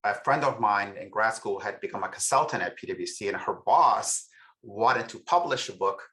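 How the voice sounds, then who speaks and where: A man's voice: fairly low pitch, moderate pace, sharp tone. A middle-aged man from El Salvador, a researcher and author, speaking as a podcast guest in a reflective way with frequent restarts. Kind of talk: podcast interview.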